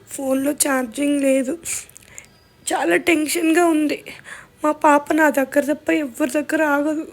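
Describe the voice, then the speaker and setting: High-voiced young woman telling her story. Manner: emotional retelling, acts out family members' words. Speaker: vlogger. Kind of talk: personal storytelling vlog.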